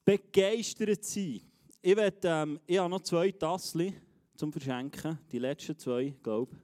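A man with a Swiss German accent preaches to his congregation in a fairly high voice. His delivery is energetic and emphatic, and he turns to address people in the room directly. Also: a little slow. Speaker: pastor. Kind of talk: enthusiastic live sermon. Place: church service.

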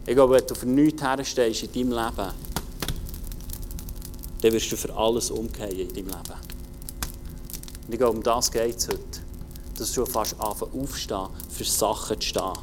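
A man preaching a casual, colloquial sermon, talking straight to the listener and swinging between loud urging and quiet intensity. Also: on the low side, fairly even intonation, normal speed, long pauses, slight background noise.

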